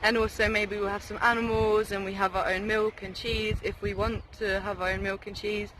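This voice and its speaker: A man's voice: sits high, little pitch movement, moderate pace. A man talking casually and reflectively, explaining his thoughts in an earnest way. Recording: noisy outdoor recording, urban traffic.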